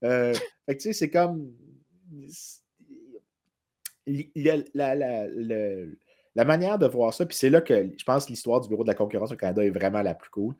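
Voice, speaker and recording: Un homme à l'accent québécois, coanimateur de balado et économiste, qui explique l'histoire économique avec entrain dans une discussion décontractée. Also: male voice, medium pitch, normal speed. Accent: Québécois French. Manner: animated explaining, quotes in English. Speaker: podcast co-host, economist. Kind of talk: casual chat.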